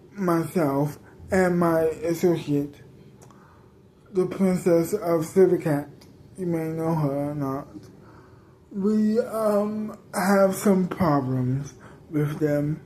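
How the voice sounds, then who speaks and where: Woman as a cruel crime-boss villain, low and unhurried, taunting. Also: a little hiss or hum. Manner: calm, taunting, menacing. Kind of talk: improvised storytelling.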